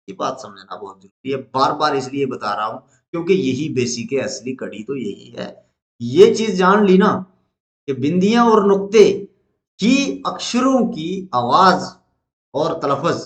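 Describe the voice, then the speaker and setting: Patient teacher man, echoey classroom. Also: on the high side. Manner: patient, repeats and quizzes students. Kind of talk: classroom lesson.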